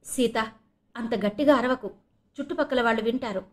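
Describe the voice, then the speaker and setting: A woman's voice: sits high, expressive, darkish tone, voice pushed up. Woman playing a soothing middle-aged father. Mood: placating. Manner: placating, hurried. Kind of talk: audiobook character reading.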